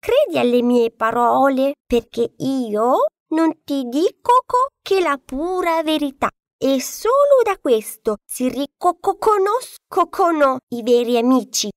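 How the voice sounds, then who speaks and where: A woman's voice: high-pitched, very animated, slow, hardly any pauses, dry recording, studio quality, pitched above the performer's own voice, full character voice. A woman voicing a bossy, know-it-all hen who breaks into clucks as she talks. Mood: bossy clucking. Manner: stutters into clucks.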